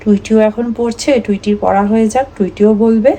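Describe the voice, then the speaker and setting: A woman's voice: medium pitch, steady tone, normal speed, warm tone, slight background noise. Chatty Bengali woman vlogging at home. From India. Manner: chatty, talks to viewers while cooking, mixes in English words. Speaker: family vlogger. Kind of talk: casual vlog narration.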